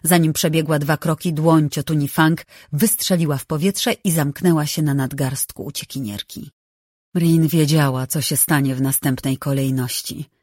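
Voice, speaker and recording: Audiobook narrator reading a novel, steady measured delivery, super dry close mic. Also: mid-range voice, dry recording.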